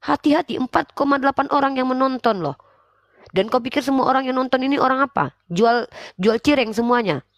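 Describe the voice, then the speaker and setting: A woman hosting a religious debate livestream, scolding and preaching in a forceful way. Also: high voice, a little fast, no room sound. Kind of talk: livestream talk.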